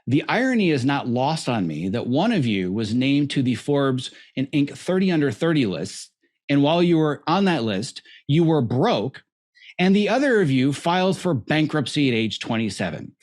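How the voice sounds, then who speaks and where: Animated male podcast host. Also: mid-range voice, moderate pace. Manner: lively, effusive introductions. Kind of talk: interview.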